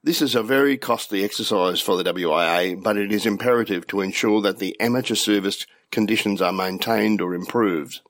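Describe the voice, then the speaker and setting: An older Australian man whose voice sounds nasal and blocked from a cold. His low voice comes across dry and close, with no room around it. He reads his report steadily. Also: fairly quick, hardly any pauses, fairly bright tone, dry recording. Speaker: radio club official giving a news report. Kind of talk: read news commentary.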